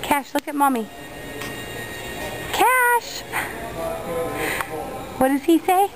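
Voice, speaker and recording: A woman's voice: sits high, sing-song, drawn-out words, loud music behind the voice, rough recording. A mother filming her little son at a mall, patiently coaxing him in a sing-song voice and repeating herself. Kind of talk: coaxing a toddler. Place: indoor shopping mall. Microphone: camcorder she is holding. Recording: home camcorder with crowd chatter.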